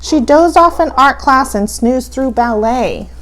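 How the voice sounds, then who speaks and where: Slow, theatrical woman horror host telling stories. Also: sits high, animated, a bit bright, a little hiss or hum, poor audio. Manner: dramatic, playfully spooky, drawn-out delivery. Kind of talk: theatrical storybook narration in a campy horror host manner.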